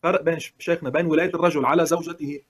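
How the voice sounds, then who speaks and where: A man with a Lebanese accent argues in a heated religious debate. He talks very fast in a fairly high voice, colloquial and combative, and cuts in often. His delivery stays pressing and argumentative. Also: fairly even intonation.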